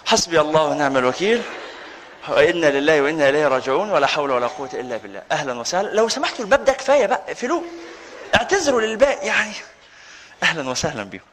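A man with an Egyptian accent lectures a live audience as a sheikh, rattling through his points at breakneck speed. His voice sits high for a man, and he keeps slipping teasing jokes in among the announcements. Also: expressive, rapid-fire, crowd noise. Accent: Egyptian Arabic. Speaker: sheikh giving a lecture course. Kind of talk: live religious lecture with banter. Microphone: handheld or stand mic, with some feedback whistle.

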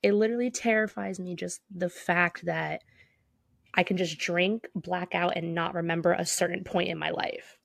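Young woman, podcast co-host; gravelly creak, emphatic and earnest, dry sound. Casual chat. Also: lowish voice, steady tone, normal speed, a bit bright, no echo. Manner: laughs often, earnest and emphatic.

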